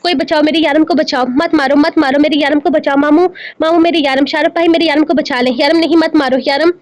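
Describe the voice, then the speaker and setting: A woman's voice: high-pitched, fairly even intonation, brisk, lo-fi sound, close to an everyday voice. A woman voicing a grief-stricken young woman, pleading desperately. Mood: frantic.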